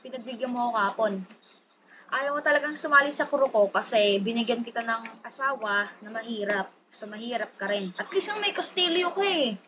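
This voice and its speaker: A woman's voice: fairly high pitch, brisk. A woman doing playful, chatty gameplay commentary, pleading and repeating herself. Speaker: gaming YouTuber. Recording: dull lo-fi sound with clear background noise.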